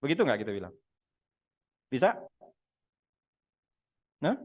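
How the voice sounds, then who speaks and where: A middle-aged man preaching a sermon over a video call, animated, acting out people's complaints and firing rhetorical questions at the congregation. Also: mid-range voice, unhurried. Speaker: pastor.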